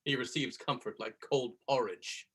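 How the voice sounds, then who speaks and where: A man's voice: mid-range voice, moderate pace, sharp tone, husky. A man playing a blunt, mocking nobleman in a Shakespearean drama, with a dry, cutting delivery. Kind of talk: Shakespearean stage drama performance.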